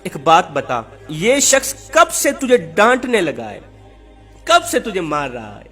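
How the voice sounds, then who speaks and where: A man's voice: high voice, huge pitch swings, slow, a bit bright, slightly rough, soft background music, exaggerated voice. A man voicing a stern, righteous elder who questions a husband and wife. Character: stern, righteous male elder judging a dispute.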